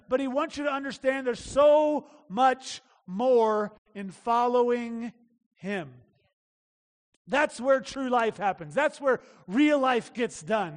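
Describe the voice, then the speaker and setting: High-voiced male pastor preaching in a hall. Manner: conversational preaching, emphatic repetition. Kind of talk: sermon.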